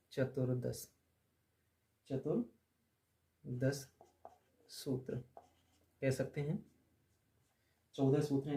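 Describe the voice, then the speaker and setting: A man teaching a grammar lesson, drilling letters aloud and repeating them slowly for the class. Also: medium pitch, dark tone.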